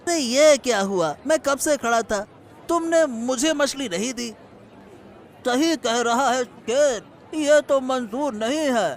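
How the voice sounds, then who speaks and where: A man voicing an impatient gravelly cartoon customer. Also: very high-pitched, takes it slowly, a faint crowd, slight background noise, full character voice. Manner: insistent and demanding. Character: pushy impatient village fish customer. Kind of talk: animated cartoon dialogue.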